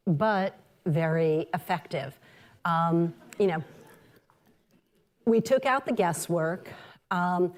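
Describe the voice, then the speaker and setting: A woman marketing executive giving a conference talk, measured and sprinkled with ums and uhs. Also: low voice, a little mellow.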